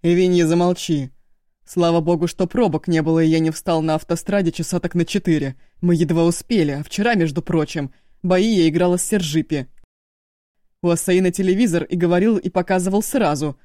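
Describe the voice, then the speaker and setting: A woman voicing an angry older brother in an audiobook, shouting and scolding loudly. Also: fairly low pitch, a little fast, dry recording, clean studio sound, natural voice. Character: furious older brother, stern young man.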